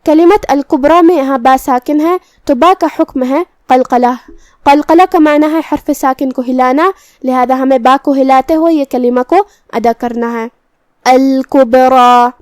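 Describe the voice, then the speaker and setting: A woman's voice: high-pitched, a little mellow, no echo. A woman teaching a Quran recitation lesson, patiently explaining each pronunciation rule step by step.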